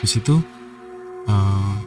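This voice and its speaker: Soft-spoken man telling a spooky story over music. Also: lowish voice, slow, rough recording. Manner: hesitant, quoting his own words, soft-spoken. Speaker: guest storyteller. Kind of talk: casual horror story telling. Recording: music playing behind.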